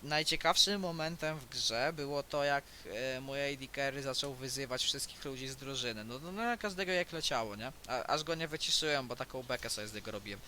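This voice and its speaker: Young gamer with a cold, sharp voice. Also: male voice, mid-range voice, a little fast, few pauses, a little hiss or hum. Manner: rambling, restarts sentences often. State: has a cold. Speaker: gaming YouTuber. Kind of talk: casual let's-play commentary. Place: home, indoors.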